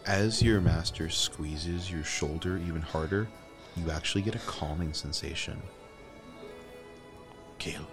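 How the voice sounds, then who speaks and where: A man narrating as game master of a tabletop game, in measured storytelling. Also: deep voice, music in the background.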